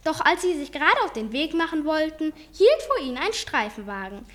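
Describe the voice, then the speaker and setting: Woman reading a children's story, high and very lively narration. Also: fairly quick. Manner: animated storytelling. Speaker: reader.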